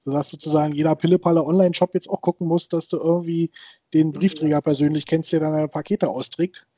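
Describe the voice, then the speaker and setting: A man's voice: on the high side, level tone, quick pace, mellow, slightly rough, dry recording. A man in his thirties co-hosting a casual podcast, rambling with many fillers and restarts. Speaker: podcast co-host. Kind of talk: casual chat. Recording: dull dry sound.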